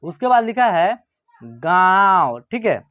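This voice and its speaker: A man teaching a reading lesson who says each word slowly and twice, checking often that listeners follow. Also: high-pitched, sing-song. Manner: often adds "ठीक है ना" and "समझ गए ना". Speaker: Hindi teacher. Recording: muffled lo-fi recording.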